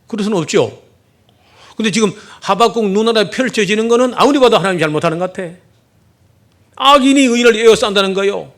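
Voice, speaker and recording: A man's voice: sits high, a bit bright. A middle-aged man preaching a sermon, animatedly acting out the prophet's complaints with rhetorical questions. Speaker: pastor. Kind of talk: expository sermon.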